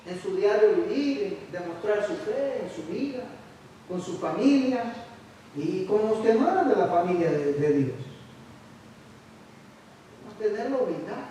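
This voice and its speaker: Man preaching, high voice, far from the mic, echoey hall. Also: expressive, a little slow, long pauses, mellow, slight background noise. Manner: conversational preaching with repeated stammered restarts. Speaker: pastor. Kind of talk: sermon. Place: church sanctuary.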